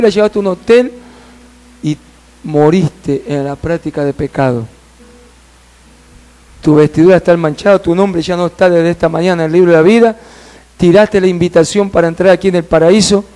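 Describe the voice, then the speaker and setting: A sorrowful divine judge hands down a verdict in slow, solemn, firm tones, voiced by a male preacher. The voice stays fairly high for a man. It carries grief and unbending authority. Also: a little mellow, lightly acted.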